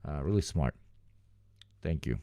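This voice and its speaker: A man's voice: a bass voice, lively intonation, measured pace, background noise. A man hosting a livestream, chatting casually and giving sardonic, rambling political commentary with sweary asides. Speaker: livestream host.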